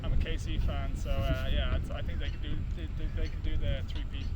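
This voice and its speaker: A man's voice: fairly high pitch, level tone, brisk. A young man with a west of Ireland accent, chatting casually in an interview as an aspiring football kicker. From Galway, west coast of Ireland. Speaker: American football kicker prospect being interviewed. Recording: muffled outdoor mic, heavy wind noise. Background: loud outdoor wind and ambience.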